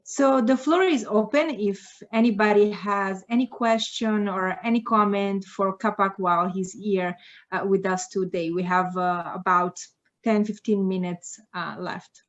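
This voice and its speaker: A woman's voice: mid-range voice, a little slow. Brief: woman moderator on a call, slightly dull lo-fi sound, polite, filler-heavy. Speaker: moderator of an online dialogue. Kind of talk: moderating a video meeting. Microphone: video call.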